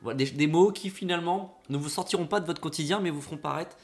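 A man's voice: a little high, fast talker. A man co-hosting a comedic show, rambling and stumbling over repeated words. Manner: rambling, stammering repetitions. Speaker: co-host. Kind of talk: comedic radio banter.

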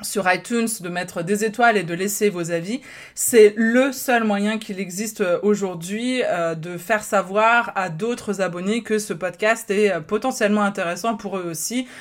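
A woman's voice: medium pitch, normal speed. A woman hosting a casual personal-development podcast, chatty, laughing often, with many fillers and restarts. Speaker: podcast host.

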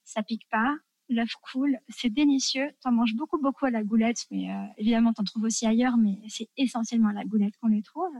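A woman from France talks in an eager, chatty way with a slightly high voice. She fills her sentences with little fillers and asides. The sound is dry and close, with no room around it. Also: fairly even intonation, brisk, darkish tone, no room sound. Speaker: guest sharing food tips. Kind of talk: casual chat.

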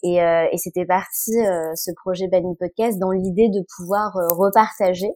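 A woman from France, a podcast guest speaking haltingly with many fillers. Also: on the low side, steady tone, dark tone, no echo. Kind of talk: podcast interview.

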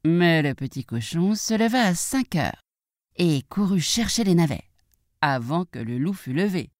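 A woman reading a classic fairy tale aloud for young children, with expressive, measured storytelling. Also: on the low side, no echo, clean studio sound.

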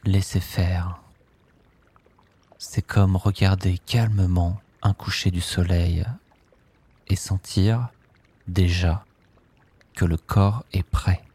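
A man leading a guided sleep meditation, speaking softly and calmly in drawn-out phrases with long pauses. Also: sits low, slightly rough. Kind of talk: slow guided relaxation script.

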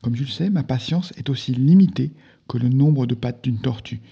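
A man voicing a deadpan young woman bodyguard. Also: medium pitch, moderate pace, creaky, breathy edge, muffled recording. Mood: dry. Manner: deadpan and curt.

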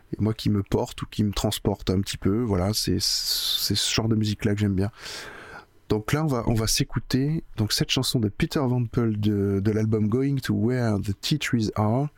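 Guy with a cold hosting his music show, lowish voice, lots of ums, dry close sound. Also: gravelly, no echo. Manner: hesitant, lots of filler sounds and restarts. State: voice deepened by a winter cold. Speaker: podcast host presenting music. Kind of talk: casual solo radio-style chat.

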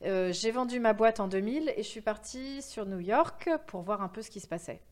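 A woman's voice: medium pitch, a little fast, a little mellow. A woman in her fifties telling her career story in a casual interview, chatty and full of hesitations. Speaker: guest, event agency founder.

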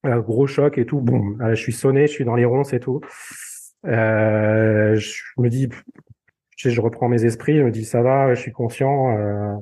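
Man, podcast guest, casual storytelling, halting, lots of fillers, mellow tone. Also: mid-range voice, fairly even intonation. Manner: halting, many fillers and repeated words.

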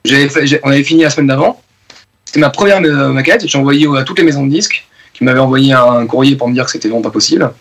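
A guest musician from France, a man in his forties, talks fast in a medium-pitched voice during a casual radio interview. His loose speech is packed with fillers and restarts.

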